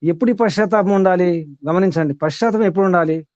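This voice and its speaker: A man's voice: high-pitched, quick pace, a little mellow, no echo, muffled recording. A man teaching a spiritual discourse to students, asking them many rhetorical questions in an emphatic way.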